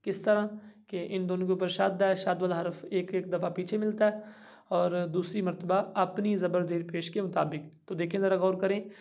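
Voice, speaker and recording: A man teaching a Quran reading lesson, patiently spelling out each letter and vowel mark, with slow drawn-out recitation between explanations. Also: high-pitched, vocal fry, darkish tone.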